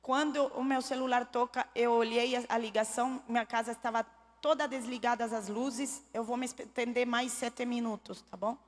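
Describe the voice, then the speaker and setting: A woman's voice: fairly high pitch, fairly even intonation, moderate pace. Woman giving testimony in a reverberant church. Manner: earnest, pleading appeals to the listener. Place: church hall. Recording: long church hall reverb.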